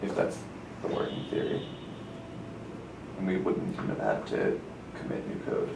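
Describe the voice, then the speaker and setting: A man's voice: extremely low pitch, big pitch swings, normal speed. A man casually asking technical questions and thinking through the answers. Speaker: audience member asking questions. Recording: echoey room, far mic, clear background noise.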